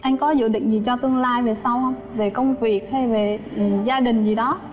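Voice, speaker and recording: Casting: woman on a date show, polite and sweet, rather high voice, echoey room with loud music under. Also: fairly even intonation, normal speed, dull audio. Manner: polite, sweet, asks many questions. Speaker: dating show contestant. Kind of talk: casual chat on a first date. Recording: studio sound with reverb and loud music.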